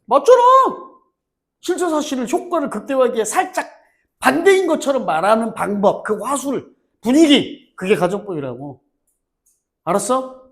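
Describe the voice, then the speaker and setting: A middle-aged man teaching English grammar to a high school class, joking and teasing students by name as he lectures. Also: normal speed. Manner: teasing, animated, banters with students.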